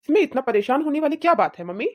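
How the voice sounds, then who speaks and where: Woman playing chill cartoon son, reasons with his mom, bit high voice. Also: sing-song, racing, darkish tone. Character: young married son, calm and defending his wife.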